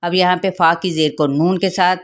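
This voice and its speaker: A woman's voice: on the low side, fairly even intonation. A woman teaching Quran recitation rules, explaining each sound step by step in a patient instructional way. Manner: slow, drawn-out melodic recitation of verses. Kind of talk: tajweed lesson, recitation then explanation.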